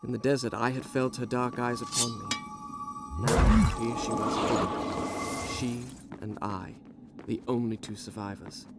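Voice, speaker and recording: A man acts as a young Persian prince in a video game, haunted and proud. He narrates in formal, literary phrases with theatrical remorse, his mid-pitched voice set against clear background music. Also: fairly even intonation, unhurried, lightly acted. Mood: somber, reflective. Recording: music behind the voice.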